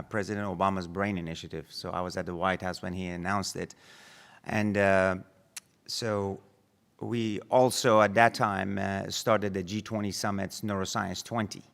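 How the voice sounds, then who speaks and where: A man moderating a panel in front of an audience, with halting, stop-and-start phrasing. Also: on the low side, creaky, a bit bright. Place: large conference hall. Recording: echoey hall with long reverb.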